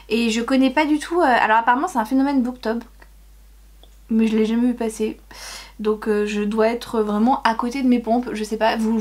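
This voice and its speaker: A young woman in a relaxed unboxing chat, her voice sitting a little high. She rambles and hesitates, then bursts into gushing exclamations over pretty book covers. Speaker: book YouTuber.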